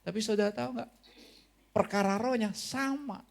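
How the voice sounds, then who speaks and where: A male pastor with an Indonesian accent preaches a lively sermon, putting questions to the congregation. His voice sits high, moves at a normal speed, and carries some vocal fry.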